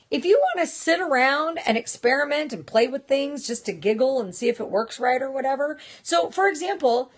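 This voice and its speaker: Chatty lady doing a live stream, kinda high voice, straight-talking, answers viewers as she goes. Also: slightly rough. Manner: chatty and direct, reacting to viewers. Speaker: host of a nail industry live stream. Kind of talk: casual live-stream talk.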